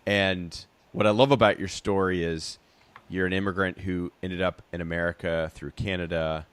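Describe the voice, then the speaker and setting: Low-voiced guy hosting a podcast, upbeat, dry close sound. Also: steady tone, moderate pace, clear, resonant tone, no echo. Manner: upbeat, laughs easily. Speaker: podcast host. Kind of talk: podcast interview.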